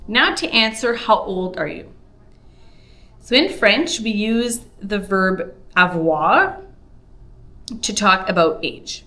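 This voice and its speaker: A woman with a Canadian accent teaching a French lesson, pronouncing each example slowly and carefully. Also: mid-range voice, animated, bright, forceful tone. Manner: slow, careful pronunciation of example sentences. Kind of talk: spoken language lesson.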